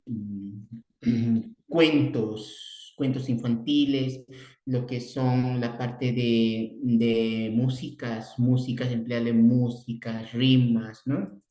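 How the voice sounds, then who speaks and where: Man, Bolivian Spanish accent, speech therapy lecture, halting repetitions, echoey room. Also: mellow. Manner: repeats and restarts words, acts out children's emotions with sudden high exclamations. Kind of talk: online class lecture.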